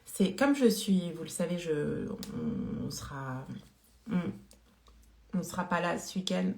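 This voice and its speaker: A woman's voice: lowish voice, huge pitch swings, takes it slowly, darkish tone. A woman hosting a casual live-stream product demo, chatty and full of fillers, greeting viewers by name. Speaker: beauty live-stream seller. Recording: roomy echo.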